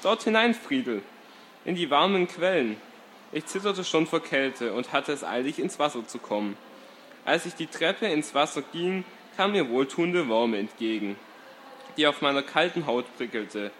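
A man reading a first-person story aloud in a calm, steady way. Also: mid-range voice, moderate pace, slight background noise.

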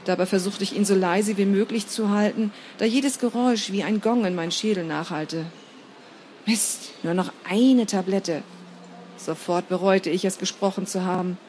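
A woman narrating a first-person story in a measured, steady reading voice. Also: mid-range voice, a little hiss or hum.

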